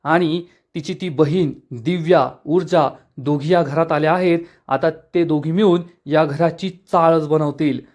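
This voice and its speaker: A man voicing a furious, superstitious middle-aged mother in a dramatic serial recap, with rushed, accusing lines. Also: a little high, fairly even intonation, darkish tone, natural voice. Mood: angry, accusing.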